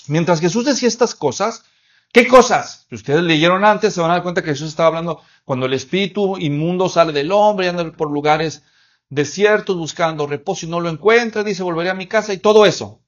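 A man preaching an expository sermon in a fairly high voice. He asks the congregation questions and answers them himself, and acts out little scenes with quoted voices. The recording sounds slightly dull and muffled. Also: a little fast. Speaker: pastor.

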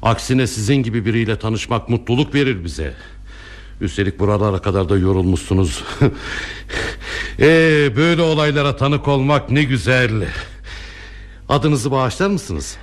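A man's voice: mid-range voice, animated, moderate pace, long pauses, close to an everyday voice. A middle-aged actor playing a courteous, easily flustered father and teacher in a classic radio play. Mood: flustered, gracious. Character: flustered hospitable father, warm and fussy. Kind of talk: 1960s Turkish radio theatre acting.

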